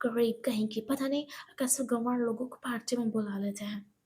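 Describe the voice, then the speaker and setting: A woman doing a shrill, haughty rich girl. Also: normal speed, close to an everyday voice. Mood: scornful shouting. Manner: shrill, scornful scolding. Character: rich spoiled young woman, insulting and haughty.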